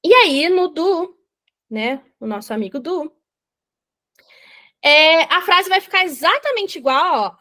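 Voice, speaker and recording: A young Brazilian woman with a high, bright voice explains grammar step by step, checking in often with her students. She sounds lively and patient as she leads the lesson. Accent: Brazilian Portuguese. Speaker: English teacher.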